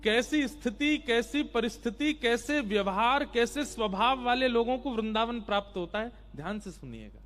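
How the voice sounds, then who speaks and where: Emphatic high-voiced male preacher. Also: expressive, moderate pace, hardly any pauses, fairly bright tone. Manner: addresses listeners directly, emphatic. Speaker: kathavachak storyteller-preacher. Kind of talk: devotional story sermon.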